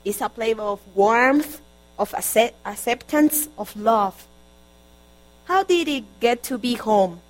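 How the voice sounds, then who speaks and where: A woman from Colombia with a Colombian Spanish accent preaching a sermon in English, her second language, earnest and halting with frequent restarts. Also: fairly high pitch, low-quality recording. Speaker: guest preacher.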